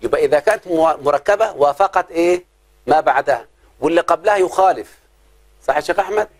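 A man with an Egyptian accent teaching an Arabic grammar lesson to a class, often stopping to quiz his students and stretching out his example phrases. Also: a little high. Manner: questioning, drawn-out examples.

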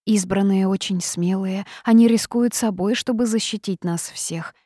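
A woman's voice: mid-range voice, normal speed, dark tone, no room sound, studio quality, pitched above the performer's own voice, close to an everyday voice. A woman voicing a devout, easily frightened young cave girl who speaks eagerly and fearfully. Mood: fervent.

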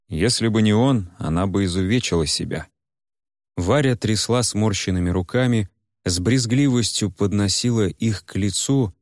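Low-voiced man reading a novel aloud. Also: darkish tone, no room sound, studio quality. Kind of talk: audiobook narration.

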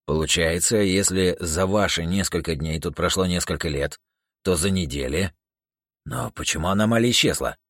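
A man voicing a clone who muses aloud slowly and thoughtfully. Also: deep voice, a bit bright, no room sound, studio quality. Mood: pensive. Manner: slow, pensive.

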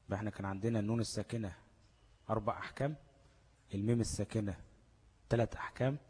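A man's voice: fairly low pitch, fairly even intonation, very fast, a little mellow, breathy edge, big-room sound. A man with an Egyptian Arabic accent teaching a tajweed lesson. He explains step by step and keeps asking check questions. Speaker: Quran recitation teacher.

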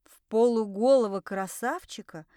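Woman reading a fantasy audiobook, high smooth voice, takes her time. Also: moderate pace, no room sound, clean studio sound. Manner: lively, ironic first-person storytelling. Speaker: audiobook narrator. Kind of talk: scripted first-person audiobook narration.

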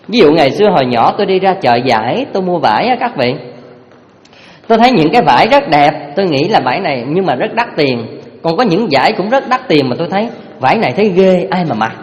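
Lively teacher. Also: male voice, high-pitched, fast talker. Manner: lively, animated storytelling, addresses listeners directly. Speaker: Buddhist Dharma teacher. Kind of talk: storytelling sermon. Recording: reverberant hall.

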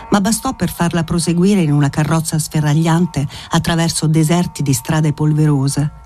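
A man narrating a literary audiobook in a measured, expressive storytelling manner. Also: on the high side, slightly rough.

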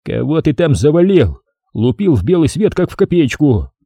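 A man voicing a cocky male riot-police fighter who talks in a gruff, mocking, swearing way. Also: on the high side, big pitch swings, normal speed, dark tone, no room sound, pitched above the performer's own voice. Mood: scolding.

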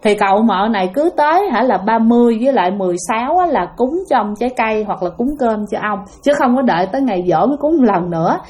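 A woman with a Southern Vietnamese accent tells ghost stories in a chatty, casual way. Her voice sits fairly high, and she fills her speech with little fillers as she talks to her listeners. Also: lively intonation, fast, few pauses, darkish tone. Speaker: storyteller. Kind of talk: casual spoken ghost storytelling.

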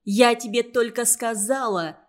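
A woman reading a children's story aloud, voicing a bossy, indignant schoolgirl who shouts her protests. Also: fairly high pitch, steady tone, unhurried, natural voice. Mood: defensive.

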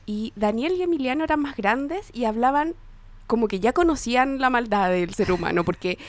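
A woman's voice: on the high side, animated, normal speed, no echo. A Chilean woman co-hosting a radio show, chatting and reading out quotes. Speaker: radio co-host. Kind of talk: casual radio chat.

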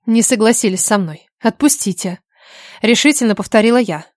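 A woman's voice: a little high, a little fast, no room sound. Woman narrating an audiobook, dry close sound. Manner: expressive, indignant in dialogue. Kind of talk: first-person audiobook narration.

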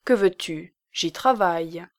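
Lady reading as a dry scheming old maid cousin, knowing and wry, slow talker. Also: lowish voice. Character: plain middle-aged spinster cousin, wry and scheming.

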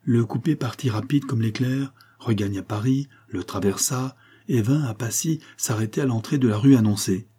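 A man narrating a classic adventure novel as an audiobook, measured and dramatic. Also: mid-range voice, warm tone, breathy edge.

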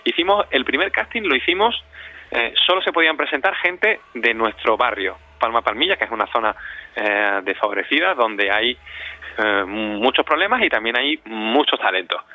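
Speaking at a medium pitch and a normal pace, a community radio director responds expressively to an interview. He's reflective and chatty, and he tends to repeat words while he works out his phrasing. It's a dry recording with a dull, lo-fi quality.

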